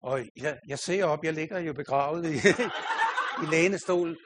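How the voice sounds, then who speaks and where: Older male preacher, a bit high-pitched, anecdotal sermon, self-deprecating and chuckling. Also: noisy background. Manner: storytelling, self-mocking, laughing often. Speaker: pastor.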